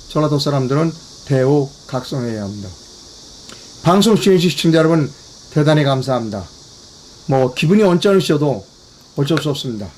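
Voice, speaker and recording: A man's voice: high-pitched, darkish tone, slight background noise. A man hosting a political commentary broadcast in Korean, talking emphatically, repeating key phrases and addressing his viewers directly. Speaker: commentary channel host.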